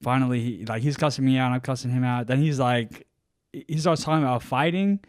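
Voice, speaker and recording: A man's voice: mid-range voice, fairly quick. A man in his thirties co-hosting a podcast, rambling through a story and acting out the quotes. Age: 30s. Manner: rambling anecdote with acted-out quotes. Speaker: podcast co-host. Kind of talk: casual storytelling chat.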